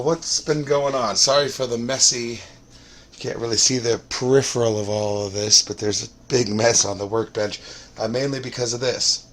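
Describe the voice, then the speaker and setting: A man hosting a hobby channel, talking casually in a scratchy voice that is still recovering, rambling and halting with many fillers at his workbench. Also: medium pitch. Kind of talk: casual vlog talk. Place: workshop at a workbench.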